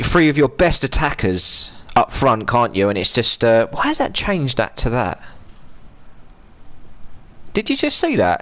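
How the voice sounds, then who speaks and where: A man's voice: medium pitch, fairly bright tone. Rambling man streaming a game. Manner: rambling, chatty, self-interrupting. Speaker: gaming streamer. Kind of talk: live gameplay commentary.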